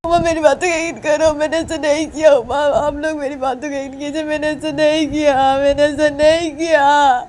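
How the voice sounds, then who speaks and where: A woman voicing a desperate young man who pleads his innocence in a high, tearful voice. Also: flat delivery, moderate pace, few pauses, darkish tone, lightly acted. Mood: pleading, tearful.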